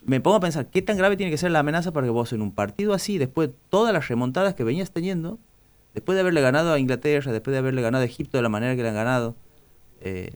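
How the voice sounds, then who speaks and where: A man's voice: medium pitch, very fast, smooth. An Argentine man talking as a journalist guest on a radio show, hesitant, with many fillers and restarts. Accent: Argentine Spanish. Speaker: journalist guest back from covering the World Cup. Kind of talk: casual radio interview.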